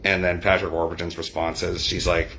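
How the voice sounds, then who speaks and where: Middle-aged male streamer, deep register, loose discursive chat to a live audience. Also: little pitch movement, a little fast, pushed and bright, a little hiss or hum. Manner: rambling, discursive. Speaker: livestream host and poet. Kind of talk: casual chat with live viewers.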